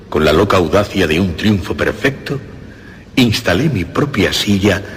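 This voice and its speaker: A man narrating a dramatic first-person audiobook story, building from calm telling to frantic, laughing shouts. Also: sits low, a little hiss or hum.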